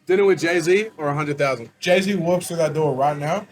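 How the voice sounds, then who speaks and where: A young man with a fairly high voice hosts a food challenge, asking questions at a normal speed. His banter is casual, blunt and chatty.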